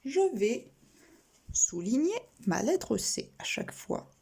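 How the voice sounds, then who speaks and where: A woman teacher gives a reading lesson at a very slow, careful pace, spelling out each letter and sound. Her pitch rises and falls a lot. Her voice is mellow and a little breathy. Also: very animated. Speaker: primary school teacher.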